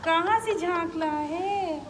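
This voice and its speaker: A woman's voice: very high-pitched, slow. A woman talking to her pet parrot, coaxing it with repeated sing-song questions at home. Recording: echoey room with clear household noise.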